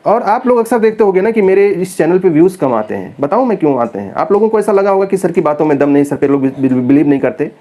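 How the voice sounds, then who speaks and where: A man's voice: high-pitched, animated, fast, few pauses, warm tone. A man who is a teacher, talking straight to his students in a casual, earnest and persuasive way, often calling them children. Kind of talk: casual direct-to-camera talk to students.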